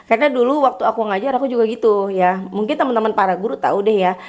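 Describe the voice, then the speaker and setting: A young woman in casual motivational talk to her viewers, chatty, acting out quoted prayers and words to children in a brighter voice. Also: fairly high pitch, fast. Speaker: vlogger.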